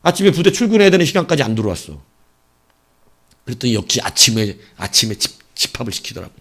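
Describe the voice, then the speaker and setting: Male pastor, evening sermon, expressive rising and falling delivery, storyteller. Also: medium pitch, quick pace. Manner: animated storytelling, swinging between loud and hushed; acts out voices of people in his story.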